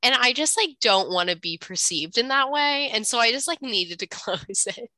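Her voice sits on the high side with lively intonation and a sharp tone, moving at a normal speed, and it sounds a bit stuffy and nasal. She's a young adult podcast co-host trading easygoing, self-mocking jokes with her sibling. There's no echo in the recording.

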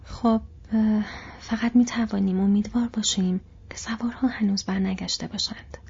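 A woman voicing a tired, anxious young male hobbit in a breathy whisper, as whispered role-play in a storybook reading. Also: medium pitch, fairly even intonation, a little mellow, dull audio.

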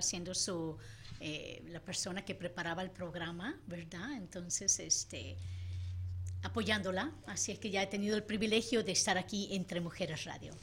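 A woman's voice: mid-range voice, normal speed, a bit bright. Polite Mexican woman chef, faint hiss. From Sinaloa, Mexico. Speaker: chef, guest co-host. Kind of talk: casual studio chat. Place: radio studio.

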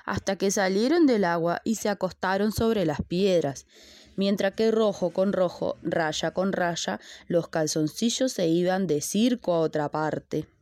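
A woman's voice: medium pitch, unhurried, mellow, no room sound, clean studio sound. A woman reading a children's story aloud with rhythmic repeated refrains.

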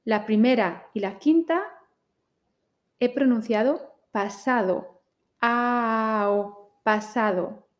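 Slow, careful Spanish woman teacher. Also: fairly high pitch. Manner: very slow, carefully articulated minimal pairs. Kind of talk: slow, deliberate listening-drill teaching.

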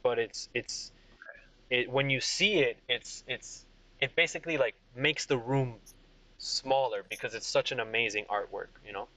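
Casual game master, bright voice. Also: male voice, mid-range voice, no room sound. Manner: casual, halting, many restarts. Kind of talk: narrating a tabletop game. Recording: dull lo-fi sound.

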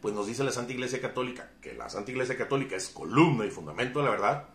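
Fervent preacher in an echoey room. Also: male voice, medium pitch, big pitch swings, racing. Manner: fervent, emphatic preaching with dramatic swings in loudness. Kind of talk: sermon.

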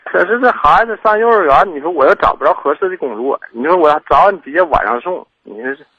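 A man's voice: fairly high pitch, lively intonation, fast talker, slightly rough, no room sound. A middle-aged man from Liaoning with a Northeastern Chinese accent, calling in for advice and complaining in self-justifying fashion. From Liaoning, northeast China. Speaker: caller seeking advice. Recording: dull lo-fi call audio.

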